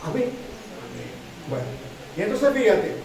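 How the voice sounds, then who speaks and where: Echoey, stammering high-voiced male preacher. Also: sing-song, unhurried, darkish tone. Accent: Chilean Spanish. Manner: repetitive, stammering restarts, frequent "¿sí?" to congregation. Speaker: pastor. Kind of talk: sermon. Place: church hall. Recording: very echoey hall from far off.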